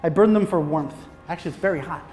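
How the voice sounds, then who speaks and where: With a quick pace and a darkish tone, this Michigan-born film director's slightly high voice fills a big room, soft music playing behind him. Speaking in an American accent to a live crowd in a hot lecture room, he jokes casually about filmmaking, curses often, and frequently restarts what he's saying.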